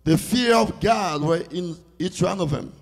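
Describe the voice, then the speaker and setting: Soft music plays as a man with a high voice interprets a sermon live during a church service. He repeats the preacher consecutively in brief phrases, pausing haltingly as he hunts for words.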